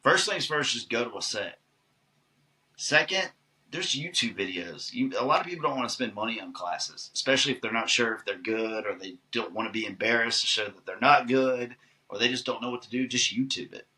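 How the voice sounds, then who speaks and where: A man who is an actor, answering podcast questions in a relaxed, chatty and long-winded way. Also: mid-range voice, a little fast, low-quality recording. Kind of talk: casual podcast conversation.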